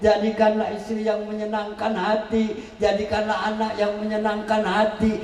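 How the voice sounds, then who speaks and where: A man preaching at a wedding celebration, lively and joking, acting out quotes with sudden shouts. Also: high voice, slight background noise. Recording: echoey hall, voice from far off.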